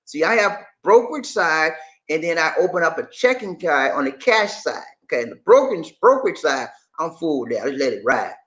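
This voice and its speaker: High-pitched man, Southern Charleston Gullah Geechee accent. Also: very animated, brisk, a bit bright. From Charleston, South Carolina, USA. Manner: folksy, colloquial, repeats phrases. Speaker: livestream host. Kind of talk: casual livestream chat with viewers.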